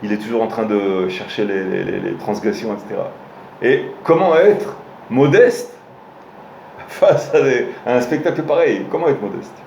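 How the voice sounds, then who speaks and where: This man's lowish voice is gravelly and a bit mellow, and he talks at normal speed. As a rabbi teaching Torah informally, he tells stories directly to his audience with many restarts and hesitations. A little hiss or hum and faint ambience come from the roomy room.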